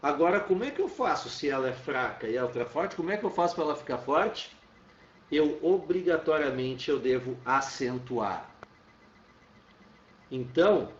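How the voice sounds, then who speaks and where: Male teacher, slow, echoey and distant. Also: on the high side. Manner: explains step by step, checks in with "tá?". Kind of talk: classroom lecture. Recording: roomy, dull sound from off-mic.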